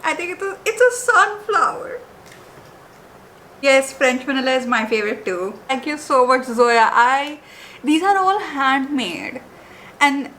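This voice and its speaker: An excitable woman chats through a casual vlog, gushing and easily moved. Her voice sits high and sounds bright and forward. A faint hum of room noise runs underneath. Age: 20s. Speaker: book vlogger.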